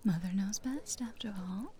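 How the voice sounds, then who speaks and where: A woman speaking in a soft, coaxing, teasing whisper close to the mic, as in an intimate audio roleplay. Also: mid-range voice, expressive, normal speed, background noise.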